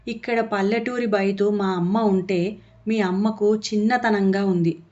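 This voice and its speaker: A woman's voice: mid-range voice, fairly even intonation, measured pace, darkish tone, close to an everyday voice. A woman voicing a firm, blunt young daughter-in-law in a storybook reading. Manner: blunt, cutting. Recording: dull lo-fi audio.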